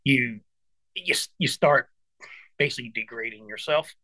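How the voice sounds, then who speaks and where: In a casual chat, a man of fifty who's a guest musician speaks earnestly and encouragingly, often addressing his host as brother and dude. His voice is mid-range, bright and forceful, at normal speed, with no echo.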